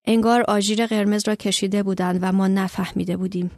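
A woman reading her own short story aloud in a calm, measured storytelling voice. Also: medium pitch, dry recording, clean studio sound.

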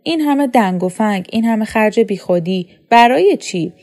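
A woman's voice: fairly high pitch, animated, a little mellow. Woman reading as an outspoken teenage girl. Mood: scoffing. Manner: emphatic, scoffing.

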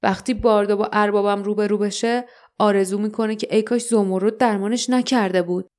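A woman's voice: medium pitch, fairly even intonation, a little mellow, lightly acted. A woman voicing a sneering traitor servant. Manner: sneering, menacing. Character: treacherous shape-shifting boy servant of a dark lord.

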